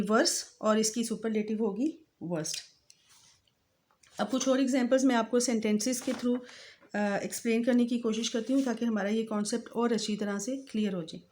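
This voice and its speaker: A woman teaching English grammar in a patient voice-over, slowly spelling out word forms. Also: on the high side, a little mellow. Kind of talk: grammar lesson explained over slides.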